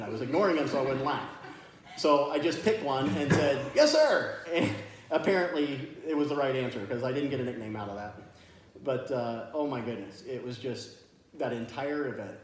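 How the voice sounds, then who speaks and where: A military veteran being interviewed, telling stories in a chatty, good-humored way. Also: male voice, mid-range voice, a little mellow. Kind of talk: casual storytelling in an interview. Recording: very echoey room with faint noise.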